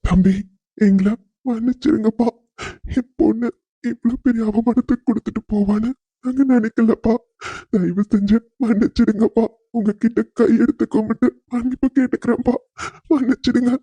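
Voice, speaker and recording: A man's voice: very high-pitched, fairly even intonation, moderate pace, dark tone, slightly rough, no echo, dull audio. A man voicing a humble middle-aged father in a cartoon, earnest and apologetic as he arranges his daughter's marriage. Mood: pleading. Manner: pleading, apologetic. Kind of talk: cartoon voice acting.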